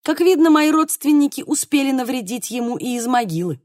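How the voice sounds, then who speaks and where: A woman narrating an audiobook in an expressive, animated way. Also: high voice, fairly quick, dry recording, clean studio sound.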